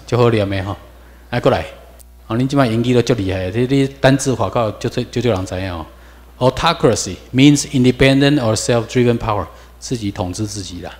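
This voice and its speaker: A male lecturer speaking Mandarin with a Taiwanese accent at a mid-range pitch, pressing his class with emphatic rhetorical questions. He drills new words aloud with his students, and his voice carries a long reverb from the lecture hall around him.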